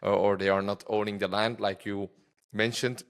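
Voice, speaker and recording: A Belgian man with a Belgian Dutch accent hosts a podcast, chatting casually in an interview with hesitant, non-native phrasing. His voice is lowish and flat, at normal speed.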